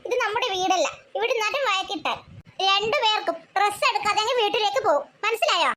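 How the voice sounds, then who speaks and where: A woman's voice: very high voice, fast, pushed and bright. A woman voicing a firm, scolding mother of two girls in a cartoon. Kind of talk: cartoon voice acting.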